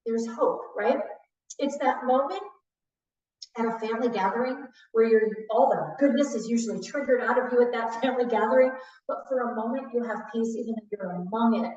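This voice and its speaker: A woman leads a live trauma training class in a slightly high voice at a moderate pace, her intonation fairly even. Warm and teacherly, she walks the group through ideas and keeps checking in with "right?" The room audio is distant, echoey, and dull.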